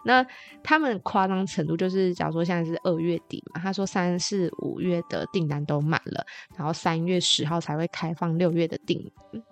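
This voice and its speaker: Podcast host: young Taiwanese-accented woman, playful chatty storyteller, some vocal fry, faint music underneath. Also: lowish voice, fairly quick. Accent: Taiwanese Mandarin. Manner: chatty, playful, exaggerated retelling.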